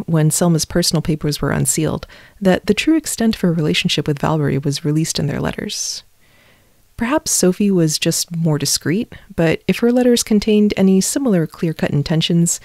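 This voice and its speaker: A woman host narrating history from a script, with wry, conversational asides on a low-budget home mic. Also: a little mellow, dry recording, clean studio sound.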